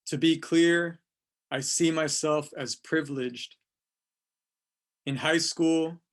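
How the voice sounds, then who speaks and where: Poet, male, 30s, from California, slightly high voice, unhurried verse reading. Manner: slow, deliberate reading of verse. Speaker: poet, featured writer. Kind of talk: casual talk and poetry reading.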